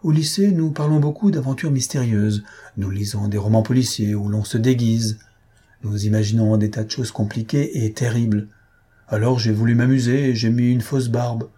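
Brief: male narrator doing a smart, unflappable young student, soft and polite, warm husky tone. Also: medium pitch, moderate pace, close to an everyday voice. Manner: soft-spoken, infinitely polite. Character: polite, clever teenage schoolboy posing as reporter. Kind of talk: audiobook character reading.

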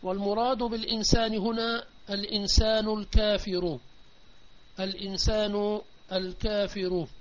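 A man's voice: high-pitched, level tone, moderate pace. A man from Palestine teaching an online lesson on Quran recitation rules, explaining step by step and often checking that his students understand. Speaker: Islamic teacher. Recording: dull lo-fi voice chat with faint noise.

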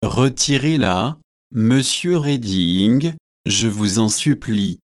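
A man reading aloud the lines of a fanatical, excitable preacher in a slow, measured way. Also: fairly low pitch, no room sound, clean studio sound. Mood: panicked.

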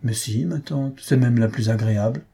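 A man's voice: medium pitch, normal speed, gravelly, mellow, slightly rough. A man reading aloud, voicing a carefree young nephew who teases and cajoles his aunt. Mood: flippant. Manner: cajoling, flippant.

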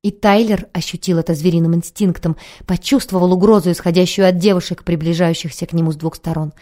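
A woman narrating an audiobook in a calm, measured reading. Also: lowish voice.

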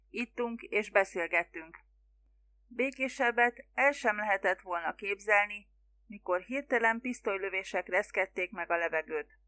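A woman reading a humorous memoir aloud in an even, measured storytelling manner. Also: medium pitch. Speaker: audiobook reader. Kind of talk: scripted narration.

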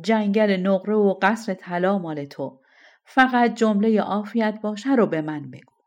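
A woman voicing an angry, stubborn king who talks loudly, in a storybook reading. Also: mid-range voice, muffled recording, natural voice. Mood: coaxing. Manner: loud, shouting commands.

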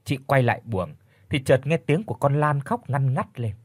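A man narrating an audiobook story, shifting his pitch for each character's lines. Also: lively intonation, normal speed, husky, dry recording. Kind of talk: storytelling narration with voiced dialogue.

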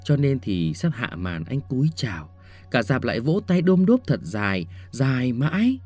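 A man's voice: medium pitch, big pitch swings, moderate pace, darkish tone, faint music behind. A man reading a short story aloud as an audiobook narrator, telling it expressively and shifting tone with each scene.

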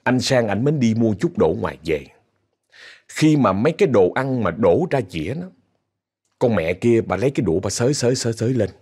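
This ghost story is told casually by a man with a Southern Vietnamese accent who chats straight to his audience and slips in indignant asides. He speaks a little fast in a mid-range voice that is lively, a little mellow, and slightly rough.

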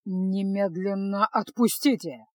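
A woman reading a storybook, voicing a gruff, sardonic male mage in a curt, grumbling manner. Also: medium pitch, animated, normal speed, no echo, clean studio sound. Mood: stern.

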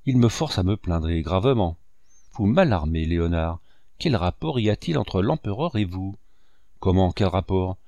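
A man's voice: low voice, lively intonation, normal speed, mellow, dry recording, highs cut off. A man voicing a wounded old painter. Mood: indignant. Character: old sorrowful male painter, indignant.

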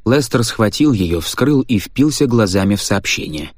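A man narrating an audiobook story in a measured, even manner. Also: on the low side, dry recording, studio quality. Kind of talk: scripted narration.

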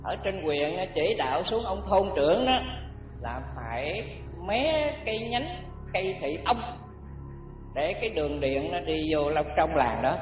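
A fairly high-voiced man tells a folksy cautionary tale as a Buddhist monk, acting out each character in turn. He sounds distant in an echoey room, the recording is dull, and faint music plays behind him. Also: a little slow. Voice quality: folksy, animated storytelling with acted voices. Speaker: Buddhist monk giving a dharma talk. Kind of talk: storytelling sermon.

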